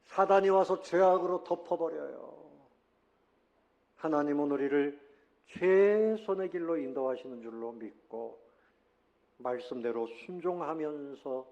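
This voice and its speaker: A man pastor preaching a sermon. He leads the congregation in repeating lines and moves between loud exhortation and quiet storytelling. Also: a little high, measured pace, vocal fry, highs cut off. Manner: leads congregation in call-and-response.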